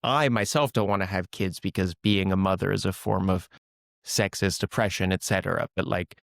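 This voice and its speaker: A male podcast host shares his views in a loose, chatty way, dropping frequent "like"s. His voice sits on the low side. The recording is dry and close-miked. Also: fairly even intonation, normal speed, gravelly, no room sound. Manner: chatty and opinionated, many "like"s. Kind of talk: interview conversation.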